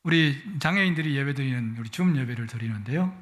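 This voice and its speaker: A man's voice: medium pitch, lively intonation, quick pace, fairly bright tone. A middle-aged man preaching a Sunday sermon in a church, with a playful manner that swells with emotion. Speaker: guest pastor. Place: church sanctuary.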